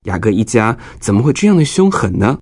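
A man's voice: fairly low pitch, big pitch swings, brisk, darkish tone, breathy edge, dry recording, studio quality. A man narrating a scripted Bible story for children, explaining things as if to young listeners.

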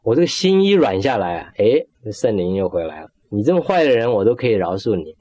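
A man's voice: on the low side, big pitch swings, fairly quick, dark tone. A middle-aged man giving an emotional personal faith testimony, acting out his own prayers and dropping in English words. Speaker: testimony speaker.

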